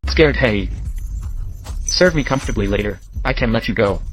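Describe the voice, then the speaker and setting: A man's voice: on the low side, animated, normal speed, slight background noise, natural voice. A man voicing an arrogant, greedy security captain in an English drama dub, sneering and bullying. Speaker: dub actor.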